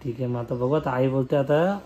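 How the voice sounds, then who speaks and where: A man's voice: mid-range voice, fairly quick, dark tone. A young man making a prank phone call, persistent and teasing, pleading and pressing his point. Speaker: prank caller, video host.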